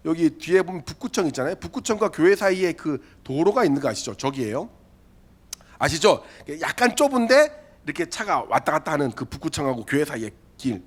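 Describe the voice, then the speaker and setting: A male youth pastor preaches to teenagers in a bright, high voice that leaps up and down as he tells a story. He slips into comic voices for the people in it and keeps turning to his listeners with direct, chatty questions. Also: very animated, fairly quick. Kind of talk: sermon to a youth group.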